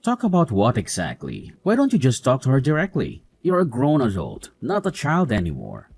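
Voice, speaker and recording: A man's voice: medium pitch, huge pitch swings, normal speed, darkish tone, husky, heavily acted. A man voicing a dismissive young husband who mocks his wife and defends his mother. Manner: mocking, dismissive. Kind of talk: animated story voice acting.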